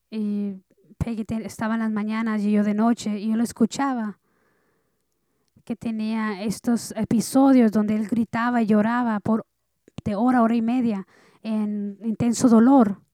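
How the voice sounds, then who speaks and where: A woman preaching a sermon, her voice a little high and mellow. She moves between hushed, intimate lines and loud, urgent ones. The sound is close and dry, with no room around her. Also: dry recording. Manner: earnest preaching, swinging between soft and loud. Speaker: pastor.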